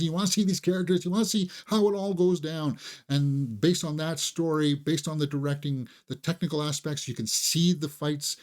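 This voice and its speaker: The host of this laid-back, conversational film review is a man whose voice is a little high and a little mellow. He sounds keen and opinionated, at times repeating words while thinking out loud.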